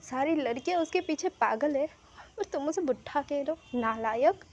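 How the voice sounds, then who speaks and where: A stern, hot-tempered mother scolds her son in a high voice, as a woman narrator puts her on. She calls him names between her reproaches. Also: expressive, moderate pace, a little mellow. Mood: scolding.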